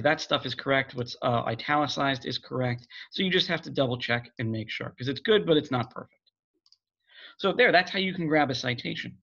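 A man's voice: medium pitch, fairly bright tone, highs cut off. A man, a college librarian, giving a casual step-by-step screen-recorded tutorial on finding and citing articles. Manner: casual, plain step-by-step explaining.

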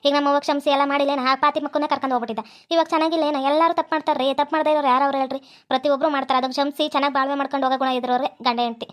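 A woman with a North Karnataka Kannada accent voicing a forgiving wife in a cartoon, soothing her husband and scolding him gently. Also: sits high, steady tone, rapid-fire, natural voice. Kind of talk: hobby cartoon voice acting.

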